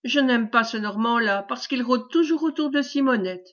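A woman's voice: a little high, moderate pace, a bit bright, lightly acted. A woman voicing a shy, humble peasant boy who talks in a hesitant country way, on a dull lo-fi recording. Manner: hesitant, rustic country speech.

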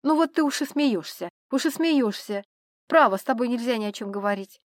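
A woman voicing a tipsy, chattering male count who rambles excitedly and pleads with his friends. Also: a little high, brisk, dry recording, studio quality, natural voice. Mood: rambling.

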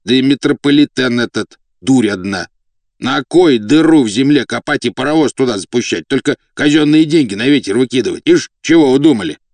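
Guy doing a loud gruff old servant, bossy and blunt, higher than his own voice, dry sound. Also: lively intonation, brisk, no room sound, lightly acted. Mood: scolding. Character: old blunt domineering male valet.

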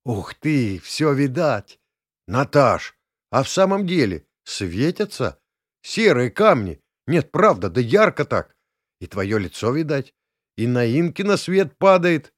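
A man voicing a lively, curious young woman in an audiobook, speaking in breathless, excited exclamations. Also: mid-range voice, slow pace, no echo, studio quality, voice pushed up. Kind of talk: audiobook character voice.

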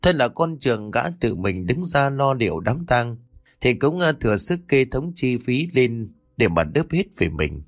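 A man narrating a dramatic folk story in an expressive storytelling manner. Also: mid-range voice, unhurried, no echo, studio quality. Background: faint background music.

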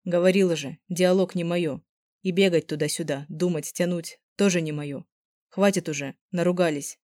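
A woman's voice: on the low side, steady tone, normal speed, a little mellow, dry recording, studio quality, close to an everyday voice. A woman reading the part of a blunt, bossy young man, curt and demanding. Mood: blunt, grumpy.

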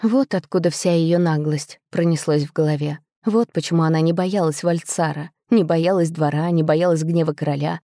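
A woman narrating a first-person fantasy novel aloud in a steady, expressive reading. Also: sits low, normal speed, hardly any pauses, dry recording, studio quality. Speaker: audiobook narrator.

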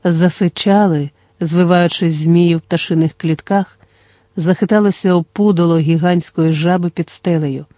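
A reader narrating an audiobook in a steady, measured storytelling manner. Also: medium pitch, dry recording.

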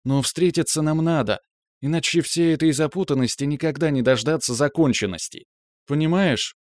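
A man voicing a tender, teasing young woman who speaks to her lover in a soft, cooing way. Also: on the high side, moderate pace, no room sound, studio quality, voice pushed up, lightly acted. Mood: earnest.

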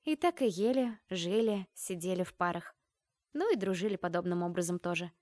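A woman's voice: fairly low pitch, expressive, moderate pace, darkish tone, dry recording. A woman narrating a first-person fantasy audiobook in a wry, conversational way.

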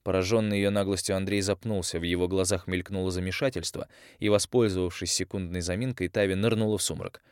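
A man narrating an audiobook in an even, measured reading style. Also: low-pitched, clear, resonant tone, no echo, clean studio sound. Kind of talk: scripted narration.

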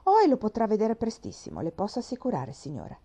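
A woman reading the part of a good-humored young country gentleman, speaking with jovial emphasis in a mellow voice. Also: mid-range voice, wildly swooping pitch, fast, breathy edge.

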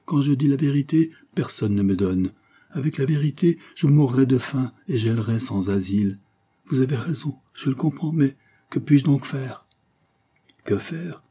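A man's voice: animated, moderate pace, mellow, husky. A man voicing a ragged drunken beggar who pleads and stammers. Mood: pleading. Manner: pleading, stammering, high and strained.

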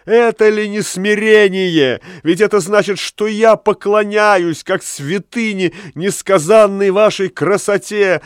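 A man voicing a plump, cowardly married man who wails and pleads in a high voice. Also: slow, few pauses, clear, resonant tone, dry recording, clean studio sound. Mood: pleading. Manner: wailing, high-pitched pleading.

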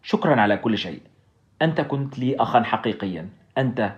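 A man voicing a badly hurt young woman in an audiobook story. she's brave and gentle and talks quietly, and her words run on briskly. dull, lo-fi sound. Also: medium pitch, lively intonation, close to an everyday voice. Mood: fading. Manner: quiet, weakening speech. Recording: dull lo-fi recording.

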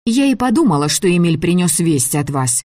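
A man's voice: high voice, big pitch swings, normal speed, darkish tone, no room sound, studio quality, pitched above the performer's own voice. Man voicing a feisty young woman student. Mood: defiant. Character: young woman magic student, stubborn, quick-tempered.

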